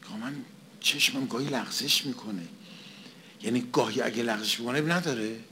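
A man's voice: medium pitch, sharp tone, a little hiss or hum. A man preaching a conversational sermon, asking and answering his own questions and repeating phrases for emphasis.

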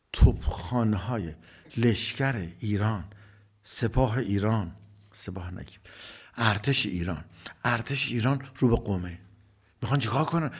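A man's voice: lowish voice, slightly rough. A man giving a religious sermon, asking rhetorical questions and answering them himself, rising to emphatic bursts and dropping to whispered asides. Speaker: preacher.

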